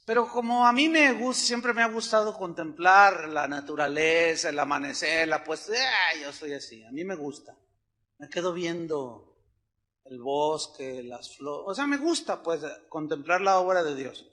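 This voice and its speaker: A man's voice: on the high side, lively intonation, unhurried, bright, forceful tone. A middle-aged man with a Mexican Spanish accent, preaching a sermon as a pastor in a conversational storytelling way, acting out the voices of other people.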